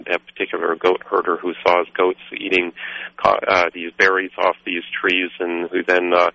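Deep-voiced man from Guatemala, rambling. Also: bright, forceful tone. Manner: rambling, halting, full of fillers. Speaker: coffee roaster, guest. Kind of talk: radio interview. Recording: dull lo-fi radio sound.

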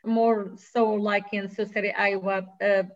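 A woman's voice: medium pitch, level tone, a little slow, highs cut off. A woman from Morocco with a Moroccan accent, speaking earnestly as a radio interview guest, with many hesitations and restarts.

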